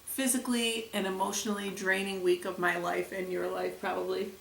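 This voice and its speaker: A young woman vlogger chatting casually to the camera, retelling events with lively acted quotes. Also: medium pitch, a little fast, gravelly, recorded from a distance. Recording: echoey room, a bit off mic.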